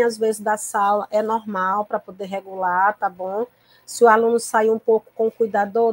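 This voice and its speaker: A woman teacher from lectures other teachers on a video call, her voice sitting a little higher than most women's. She explains calmly and patiently, often pausing to check that her listeners follow. Her throat sounds tickly, as if she needs to cough. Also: no room sound. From Piauí, Brazil. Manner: calm, patient explaining with frequent checking tags. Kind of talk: recorded online lecture to teachers.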